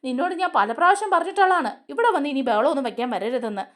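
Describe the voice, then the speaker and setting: A stern man from a TV serial scolds and demands answers, voiced by a woman retelling the episode. The voice is high and lively in its pitch swings. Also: rapid-fire. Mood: scolding. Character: stern older brother figure, scolding.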